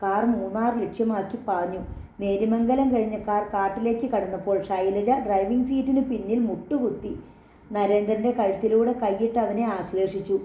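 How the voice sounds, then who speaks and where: A woman reading a novel aloud in steady, measured narration. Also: mid-range voice, echoey room, dull audio, a little hiss or hum. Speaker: audiobook narrator. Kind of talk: scripted story narration.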